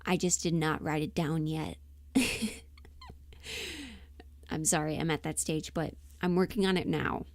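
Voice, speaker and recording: Hosting a livestream as she works, a woman speaks in a deep, creaky voice with a steady tone and a measured pace, pausing often. She's an audio performer who chats casually, frequently muttering to herself and letting sentences trail off.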